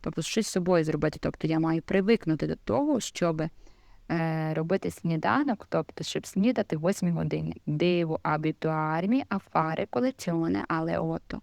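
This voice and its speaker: Low gravelly woman teaching Italian. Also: a little mellow, dry recording. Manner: explains slowly, many fillers, repeats examples. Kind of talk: casual video lesson.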